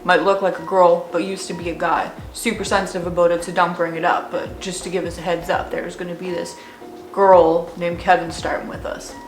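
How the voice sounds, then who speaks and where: A woman's voice: fairly low pitch, little pitch movement, brisk, lightly acted. A woman playing both parts of a re-enacted conversation, here voicing a blunt, careless male construction coworker. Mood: gossipy. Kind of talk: acted dialogue re-enactment. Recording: roomy echo, faint music.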